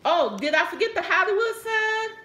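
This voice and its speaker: With an extremely high, animated voice that sounds pushed and bright, a middle-aged Texan woman chats at a moderate pace about a handbag she found. Seated on her living room couch, she playfully calls her viewers "y'all," and the reverberant audio comes from a camera or phone on a stand framed close.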